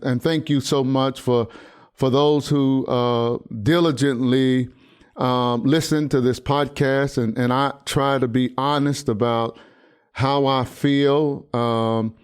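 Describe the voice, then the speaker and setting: A man in his sixties, a pastor hosting a podcast, speaking earnestly in a halting way with many fillers and restarts. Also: mid-range voice, clean tone. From United States. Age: 60s. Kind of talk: personal commentary monologue.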